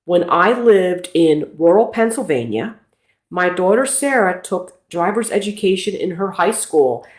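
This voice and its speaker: A middle-aged nurse practitioner from Philadelphia hosts a casual livestream talk, chatty and self-deprecating. Her voice sits on the lower side, and the recording is reverberant.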